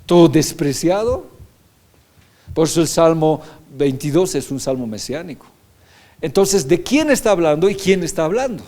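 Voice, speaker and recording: A man's voice: a little high, expressive, moderate pace, a little mellow. A man preaching a sermon as pastor, reading scripture aloud and often asking the congregation rhetorical questions. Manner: reads scripture verses aloud.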